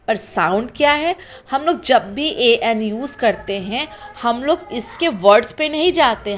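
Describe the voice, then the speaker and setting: A woman teaching an English grammar lesson to beginners, sounding out letters slowly and asking the class questions. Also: on the high side, fairly bright tone. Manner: slow, drawn-out sounding of letters.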